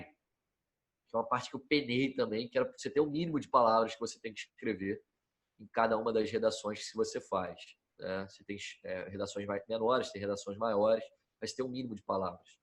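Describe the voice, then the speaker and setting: Young Brazilian man telling a story. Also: medium pitch. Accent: Brazilian Portuguese. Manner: relaxed, slangy, frequent tag questions. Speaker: podcast guest telling his story. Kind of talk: casual storytelling.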